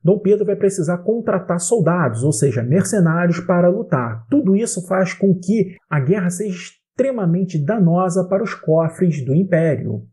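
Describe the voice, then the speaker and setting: A Brazilian man teaching an exam-prep history lesson, explaining clearly and speaking directly to the student. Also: sits high, expressive, moderate pace, hardly any pauses, warm tone. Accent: Brazilian Portuguese.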